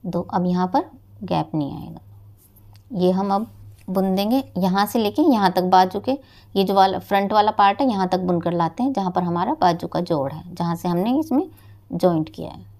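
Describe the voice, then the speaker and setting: A woman teaching a knitting lesson step by step, her voice mid-pitched with a gravelly, creaky edge. She explains each stitch patiently and addresses her viewers warmly as friends. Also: normal speed. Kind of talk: step-by-step craft tutorial.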